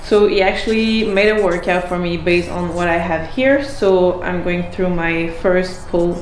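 A woman's voice: on the low side, measured pace, a little hiss or hum. Chatty young woman in a roomy garage gym. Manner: chatty, hesitant fillers, light laughs. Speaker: fitness athlete. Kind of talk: casual vlog with training tips. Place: home garage gym and kitchen. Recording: roomy garage with hip hop music behind. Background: hip hop music.

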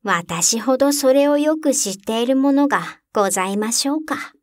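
女性が演じる丁寧に話すトナカイ. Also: female voice, sits high, expressive, normal speed, no echo, clean studio sound. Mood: eager. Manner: polite, formal speech. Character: eager reindeer, proud of its homeland.

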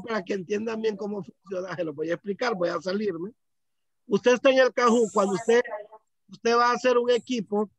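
A man's voice: very high voice, no echo, highs cut off. A man teaching a course over a video call, explaining patiently step by step. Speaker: course instructor.

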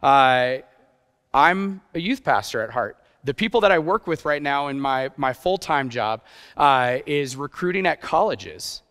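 On a church stage indoors, a middle-aged guest preacher and youth pastor, partly raised in Japan, delivers a relaxed, self-deprecating sermon full of rhetorical questions. He has a fairly high, fairly bright voice, and the hall adds reverb.

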